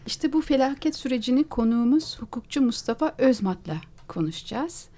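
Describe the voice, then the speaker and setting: A woman hosting a radio talk program in a studio, introducing a guest calmly. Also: high-pitched, fairly quick. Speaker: radio show host. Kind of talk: radio talk show interview.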